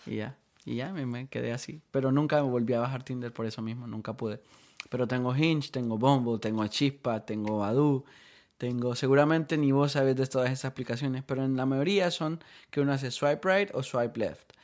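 A man's voice: mid-range voice, moderate pace, a little mellow. A man hosting a podcast in casual chat, rambling and joking, dropping English slang words. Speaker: podcast host.

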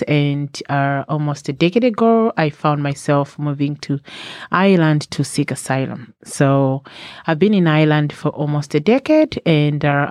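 A woman's voice: low-pitched, darkish tone, no room sound, clean studio sound. A woman, speaking as an interview guest, hesitant and full of fillers and self-corrections. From Malawi. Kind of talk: conversational interview.

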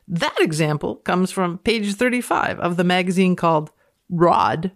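A woman with a Canadian accent and a somewhat low voice speaks a little slowly. As a guest reader and commentator on a podcast, she reads texts aloud dramatically and comments casually in a playful, mock-authoritative way.

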